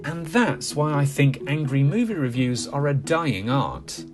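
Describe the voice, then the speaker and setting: A man's voice: on the high side, sing-song, a little slow. A man narrating a scripted video essay in a conversational, emphatic way, posing rhetorical questions. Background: background music.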